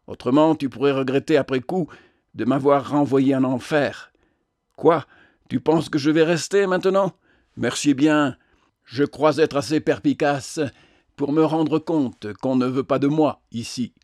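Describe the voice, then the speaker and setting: A man's voice: medium pitch, a little slow, a little mellow, no room sound, clean studio sound, natural voice. A man voicing a theatrical, self-pitying man, with declamatory, sarcastic delivery. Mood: bitter.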